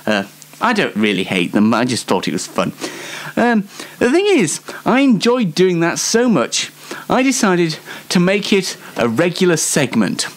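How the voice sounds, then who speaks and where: There's no hurry in this man's high voice, which swoops wildly in pitch. He hosts a solo show, treating the audience to a casual comic monologue that is rambling, hesitant, and self-deprecating.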